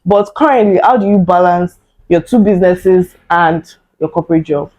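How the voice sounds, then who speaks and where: A woman's voice: fairly low pitch, moderate pace, darkish tone, low-quality recording. Woman hosting a casual chat. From Nigeria. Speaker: host.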